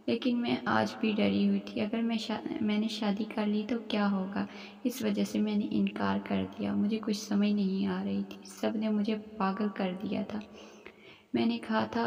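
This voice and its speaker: A woman reading a first-person story aloud as a storyteller, in a soft, partly whispered delivery. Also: medium pitch, creaky. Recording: long reverberant echo.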